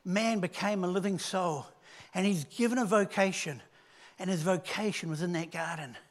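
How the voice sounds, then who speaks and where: A man preaching a sermon, retelling a story and dropping from loud emphasis to hushed, low tones. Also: normal speed.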